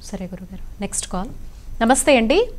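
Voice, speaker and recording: A woman hosting a call-in show who takes callers' details with short, brisk questions. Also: mid-range voice, big pitch swings. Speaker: host.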